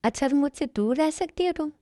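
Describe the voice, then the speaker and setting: A woman voicing a caring young doctor husband who talks softly and protectively, in an amateur fan-story dub. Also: high voice, lively intonation, brisk, no room sound, clean studio sound, voice pushed up. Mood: tender. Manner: soft, coaxing and protective.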